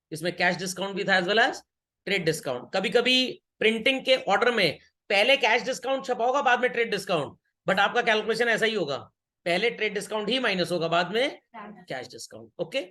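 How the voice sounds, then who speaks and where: Guy teaching accounts, high voice, cracks jokes at the kids, mixes hindi and english. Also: bright, forceful tone. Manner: teasing, joking with students, mixing Hindi and English. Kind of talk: classroom lecture.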